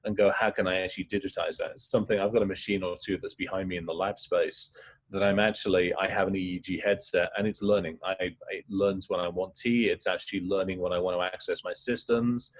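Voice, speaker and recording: Deep-voiced man telling stories fast. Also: fairly even intonation. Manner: fast, rambling storytelling. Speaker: interview guest, hacker. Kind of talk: casual conversational interview.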